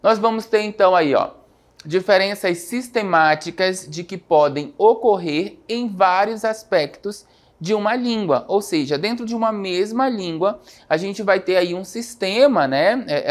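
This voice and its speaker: Low-voiced woman teaching a lesson. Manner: explanatory, frequent checking tags like "né?" and "tá?". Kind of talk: televised school lesson.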